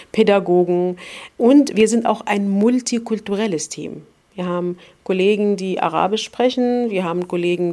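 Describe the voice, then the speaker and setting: A woman's voice: on the low side, warm tone. A woman from Palestine, a child psychiatrist who heads a clinic, explaining her team in a matter-of-fact way. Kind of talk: interview answers.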